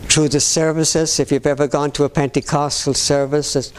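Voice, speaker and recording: A man preaching a sermon in a slow, deliberate way, often pausing and restarting his phrases. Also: fairly high pitch, little pitch movement, smooth.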